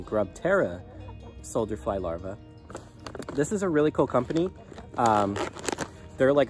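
A man in his thirties talking casually to a handheld phone outdoors in his chicken run, relaxed and rambling with many ums. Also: medium pitch. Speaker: small farm vlogger. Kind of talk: casual vlog talk to camera. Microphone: phone at arm's length.

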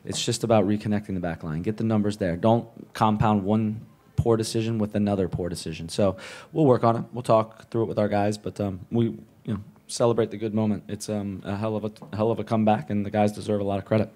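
A man, a head coach, answering post-match press questions in a measured way, often repeating words as he thinks, speaking into a table mic in a press room. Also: lowish voice, fairly even intonation, mellow. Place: press room with a sponsor backdrop. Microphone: table mic on a stand.

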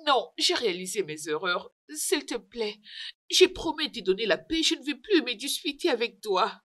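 A woman's voice: a little high, big pitch swings, moderate pace, fairly bright tone. A woman dubbing a proud wife who begs her husband for forgiveness, pleading and sobbing, in a French-dubbed film.

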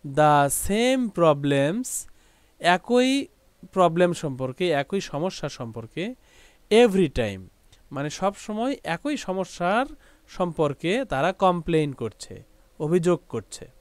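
A man teaching an English textbook lesson, slowly translating each phrase and explaining it. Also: fairly high pitch, sing-song, clear, resonant tone, no room sound.

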